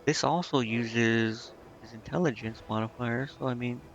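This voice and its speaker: Here a man with a medium-pitched voice narrates his gameplay at a moderate pace, in the easygoing manner of a video game streamer. Reading menus, he muses and questions his own choices out loud, captured on a muffled lo-fi mic with clear background noise.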